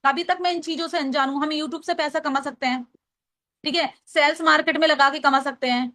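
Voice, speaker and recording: High-voiced Hindi woman coaching phone calls. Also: fairly even intonation, fairly quick, bright, forceful tone. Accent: Hindi, from Agra, Uttar Pradesh. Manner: explains step by step, repeats lines for note-taking. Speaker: trainer teaching call scripts. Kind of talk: casual training talk with role-played calls.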